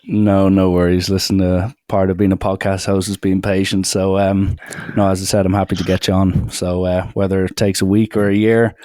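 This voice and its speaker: A man with a very low, deep voice hosts a casual podcast interview, earnest and a little rambling, full of ums and restarts. The sound is dry and close, with no room echo. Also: little pitch movement, normal speed, hardly any pauses, warm tone, clean tone. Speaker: podcast host.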